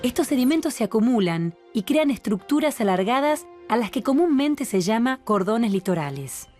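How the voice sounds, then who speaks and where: A woman narrates a documentary in a calm, measured voice that sits a little high. She explains each point at an even, unhurried pace. Music plays clearly underneath the voice-over.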